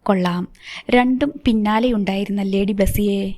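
A swaggering man teases in a bantering way, as a woman narrator voices him. His voice sits at an ordinary middle pitch. It suits a story read aloud. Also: normal speed, mellow, close to an everyday voice. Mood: teasing.

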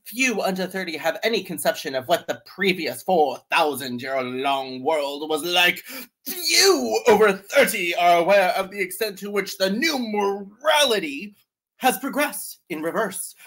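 A man's voice: high-pitched, big pitch swings, measured pace, fairly bright tone. A man co-hosting a podcast, reading a book aloud with playful, theatrical emphasis and frequent giggles. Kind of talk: casual chat and mock-dramatic reading.

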